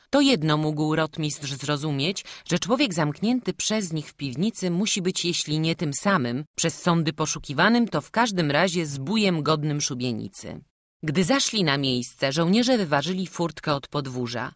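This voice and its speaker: Calm storyteller reading an audiobook, mid pitch, dry close mic. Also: no echo. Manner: steady, measured storytelling. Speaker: audiobook narrator. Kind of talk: scripted narration.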